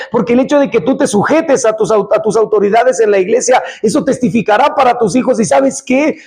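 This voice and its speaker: A man preaching a sermon in an impassioned, exhorting way, repeating phrases and sometimes shouting. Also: very high-pitched.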